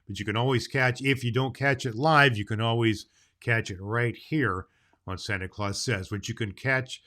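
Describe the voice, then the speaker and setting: A man's voice: mid-range voice, pushed and bright, close to an everyday voice. A man playing a jolly, grandfatherly old Santa Claus, hosting a children's show in a folksy, emphatic way. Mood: cheerful, informative. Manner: folksy, emphatic, drawn-out phrases with hearty ho-ho-hos. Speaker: show host.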